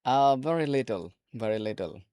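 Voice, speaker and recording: In a casual video chat, a man with a Bangladeshi accent teases a stranger playfully, repeating himself often and laughing. His mid-range voice is smooth and darkish, with lively intonation at a moderate pace. The recording is dry and close, carrying no room sound.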